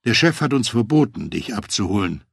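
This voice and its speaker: A man's voice: lowish voice, sing-song, brisk, creaky, breathy edge, no room sound, studio quality, heavily acted. A male narrator voicing flustered, regretful male FBI agent colleagues in an audiobook. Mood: apologetic.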